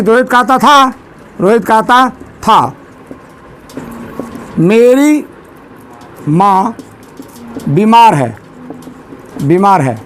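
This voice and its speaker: A male teacher giving a grammar lesson in a classroom, drilling students with repeated questions and asking them to answer loudly. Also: extremely high pitch, a little hiss or hum. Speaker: English teacher.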